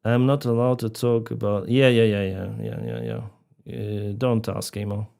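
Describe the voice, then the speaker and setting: A man from Crimea, a native Russian speaker with a Ukrainian accent, chats casually on a live stream, reading out donations and donor names and laughing often. His voice is fairly low, gravelly, and warm, animated at a normal speed.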